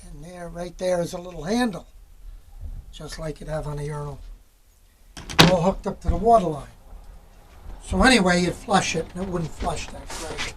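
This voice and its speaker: A vlogger inside a small camping trailer giving a casual hands-on how-to, haltingly thinking aloud while working. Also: mid-range voice. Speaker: vlogger, DIY host. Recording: background noise, room ambience.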